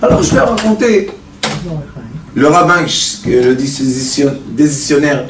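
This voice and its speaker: A man teaching Torah with a bright, high voice, lively and questioning as he tells stories. He sounds set back from the mic, in a reverberant hall with a faint hiss underneath. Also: unhurried. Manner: animated, rhetorical questions to the audience, big pitch swings. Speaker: rabbi teaching a Torah class. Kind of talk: Torah lecture with storytelling. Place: study center hall with a mixed audience. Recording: echoey room, distant mic, faint noise.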